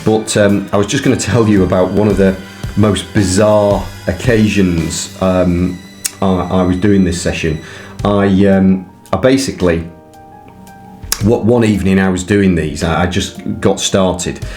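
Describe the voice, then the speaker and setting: A man's voice: low-pitched, fairly even intonation, measured pace, darkish tone, soft background music. A man talking casually and unscripted to viewers as a fitness vlogger, in a hesitant, rambling way full of fillers. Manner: hesitant, rambling delivery with frequent filler words.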